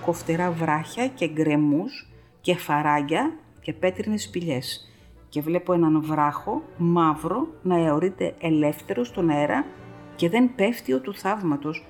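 A terrified old scholar stammers out his visions, fearful and trembling, as a woman narrator reads him. The voice stays low and a little slowed, with faint music beneath this storybook reading. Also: lively intonation, darkish tone. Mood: awed, fearful.

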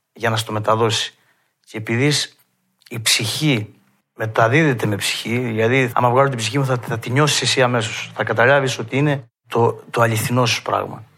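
A man with a Cretan accent, a mandolin player telling stories from his past and acting out old conversations in a lively way. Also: mid-range voice. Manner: lively storyteller who acts out past dialogue. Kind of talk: reminiscing storytelling.

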